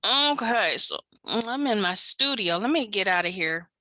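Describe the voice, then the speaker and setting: Bubbly, bright-voiced woman co-host. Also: mid-range voice, expressive, unhurried, no echo. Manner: bubbly, giggly, goofy. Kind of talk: casual online chat. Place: home studio.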